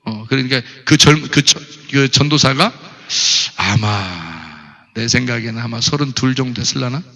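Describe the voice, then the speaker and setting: A middle-aged man preaching a sermon, telling a story with animated delivery and asking the congregation questions. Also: mid-range voice, measured pace. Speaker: pastor. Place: church. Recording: church hall reverb.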